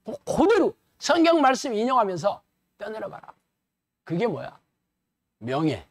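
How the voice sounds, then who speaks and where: Animated colloquial male pastor preaching. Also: high-pitched, unhurried. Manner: animated, colloquial, rhetorical questions. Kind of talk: sermon lecture.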